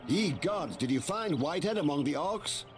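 Man acting lively captain speaking mock-biblical archaic English. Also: fairly high pitch, normal speed, a little hiss or hum, natural voice. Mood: earnest. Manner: mock-archaic, quasi-biblical formal speech. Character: gruff veteran male army captain, earnest and grim. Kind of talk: scripted fantasy game dialogue.

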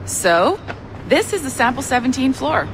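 Peppy young office supervisor in a game, brisk and businesslike, noise behind her. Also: sits high, sing-song. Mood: upbeat. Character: upbeat young woman project supervisor. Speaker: supervisor character. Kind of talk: scripted video game dialogue.

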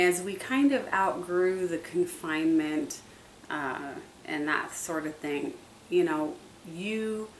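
A woman with a low voice talks through her dog training tips in a chatty, repetitive way, full of ums and asides. She sits some way from the mic, so her voice sounds distant, in an echoey room with a faint hiss behind it. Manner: chatty, repetitive, many fillers. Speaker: dog owner vlogger. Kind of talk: casual how-to talk.

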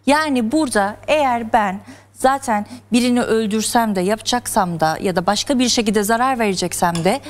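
A woman's voice: fairly high pitch, fairly quick. A woman explaining psychology terms step by step as a guest on a television talk show. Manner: earnest, lecturing, explains step by step. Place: television studio.

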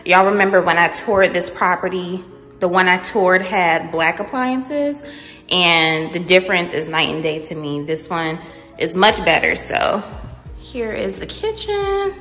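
Animated young woman in an echoey empty apartment. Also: on the low side, measured pace, soft background music. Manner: animated, talks straight to viewers with lots of "y'all" and "honey". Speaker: vlogger. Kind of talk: casual chatty vlog and apartment tour. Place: empty apartment, kitchen and bare rooms. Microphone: phone camera, handheld while walking. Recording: echoey empty room with long reverb.

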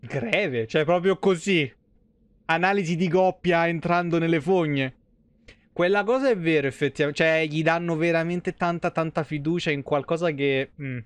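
On the high side and at a moderate pace, this man's smooth voice comes through a dry recording. A game streamer in his thirties, he offers casual, joking, foul-mouthed live commentary from a small indoor room at home on a close streaming microphone.

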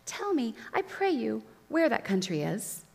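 A woman voicing a sweet-voiced scheming witch queen in a soft, soothing, quiet voice, recorded in a reverberant hall. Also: fairly high pitch, sing-song, measured pace, vocal fry, voice pushed up, heavily acted.

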